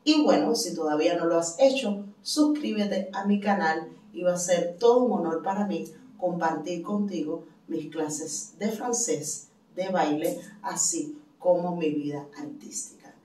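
A woman giving a casual language lesson as a French teacher, explaining patiently and repeating phrases slowly for learners. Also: on the low side, warm tone, a little hiss or hum. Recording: roomy echo, mic at a distance.

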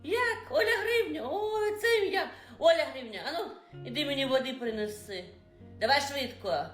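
A woman voicing a fussy elderly mother who is rude to her son's staff, with a shrill, mocking voice. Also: lively intonation, moderate pace. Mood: scornful. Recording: roomy room with faint music.

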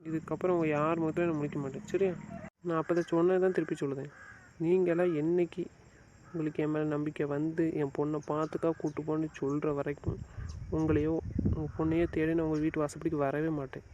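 Man acting as a bitter son-in-law, flat fast delivery, dull lo-fi sound. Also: on the high side, lightly acted. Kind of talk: amateur web drama acting. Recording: muffled recording with faint noise.

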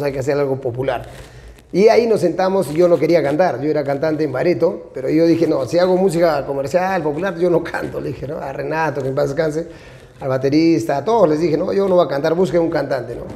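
A Peruvian man in his forties, a band's singer and songwriter, talks openly in an interview seated at a small restaurant table. His voice is gravelly and dark, and it sits slightly high for a man. His delivery is frank and animated, full of tag questions. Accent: Peruvian Spanish. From Peru. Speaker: band vocalist and songwriter. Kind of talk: casual interview talk. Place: small restaurant with brick walls.

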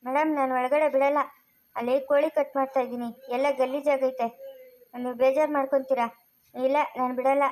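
A man's voice: extremely high pitch, flat delivery, brisk, darkish tone, poor audio. A performer in a family drama playing a male kidnapper who pleads innocence and dodges questions. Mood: stalling. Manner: pleading, evasive, defensive. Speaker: suspect in a family skit. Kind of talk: amateur family drama acting.

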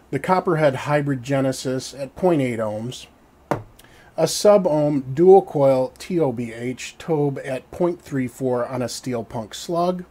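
A man in his thirties giving a scripted, wry and descriptive product review to camera, with a measured delivery, in a small dark indoor studio on a standing mic. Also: mid-range voice.

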